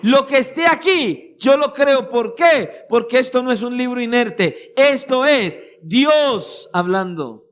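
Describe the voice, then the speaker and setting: Man, Colombian accent, pastor, very high voice, emphatic sermon, rhetorical questions. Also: animated, slow pace, few pauses, fairly bright tone. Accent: Colombian Spanish. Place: church meeting hall.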